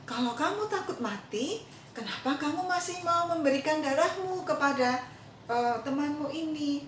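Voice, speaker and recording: A woman voicing a kind adult doctor who gently questions and reassures a child, in a roomy echo from a distance. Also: high voice, expressive, moderate pace, slight background noise, pitched above the performer's own voice. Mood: puzzled coaxing.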